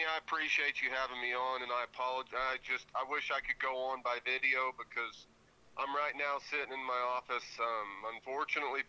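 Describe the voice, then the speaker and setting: A man's voice: mid-range voice, bright, forceful tone, clear, resonant tone. Man on a speakerphone call. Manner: earnest, calls the host brother and man. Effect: phone call heard over a speakerphone. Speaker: phone-in guest. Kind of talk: casual phone interview. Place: his office.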